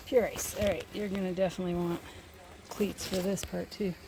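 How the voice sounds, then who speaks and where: A woman talking to her viewers in a casual, excitable way as she hikes a steep icy mountain trail alone. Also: fairly low pitch, fairly quick, noisy background. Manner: chatty, excitable, talks to viewers while climbing. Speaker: solo hiking vlogger. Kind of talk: casual hiking vlog narration.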